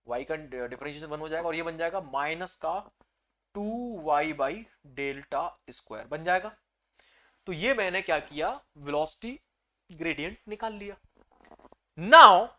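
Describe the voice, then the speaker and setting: A male teacher giving an exam-prep engineering lecture, calling students "beta" and asking and answering his own questions, with energetic swings into loud excitement. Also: on the high side.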